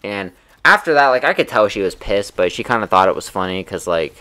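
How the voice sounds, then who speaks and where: A young man with a low-pitched but bright, forward voice tells a personal story. He rambles loosely, leaning on fillers and curse words as he goes. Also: very animated, fairly quick. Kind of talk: casual storytelling.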